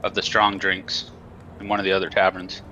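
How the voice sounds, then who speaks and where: A man's voice: low-pitched, monotone, brisk, bright, forceful tone, slight background noise. A man playing a tabletop role-playing game, casually switching between describing his character and speaking as him, on a muffled microphone.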